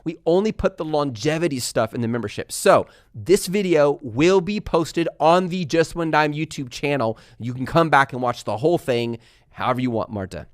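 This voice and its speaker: Fast-talking energetic man, dry close sound. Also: on the high side, no echo. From Texas and California. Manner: fast-talking, energetic, reads comments aloud. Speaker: livestream host answering viewer questions. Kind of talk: casual live Q&A.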